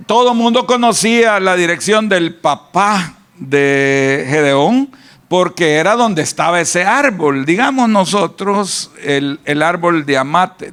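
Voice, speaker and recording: A Salvadoran pastor preaching a sermon in a folksy storytelling way, with asides and "¿verdad?" tags. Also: male voice, on the high side, a bit bright.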